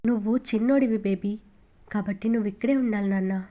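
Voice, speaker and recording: A woman voicing a loving young father who gently soothes his son and stays resolute. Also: mid-range voice, fairly quick, natural voice. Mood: tender.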